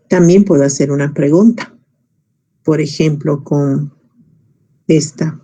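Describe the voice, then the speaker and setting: A man's voice: fairly high pitch, warm tone. A man teaching an English grammar class in Spanish, explaining patiently step by step and quizzing his students.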